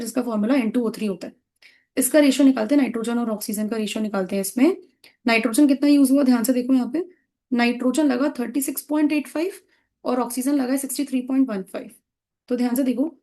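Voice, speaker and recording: A woman's voice: fairly high pitch, warm tone. A woman teaching a chemistry lesson, speaking, patiently asking questions and answering them herself. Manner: patient, asks and answers own questions, calls students "beta". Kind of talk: classroom lecture.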